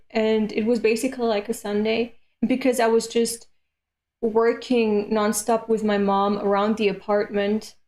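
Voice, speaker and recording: A woman in her late twenties talks to her stream viewers in a relaxed, unhurried way. Her voice sits a little high, and she comes across as candid and self-deprecating, swearing casually as she muses. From Europe. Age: late 20s. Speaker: streamer reading comics aloud. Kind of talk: casual live-stream chat.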